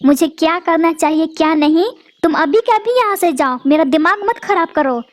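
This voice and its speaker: Woman voicing a very high, pleading mother sparrow. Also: expressive, normal speed. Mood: angry. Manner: pleading, emotional. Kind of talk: Hindi cartoon voice acting.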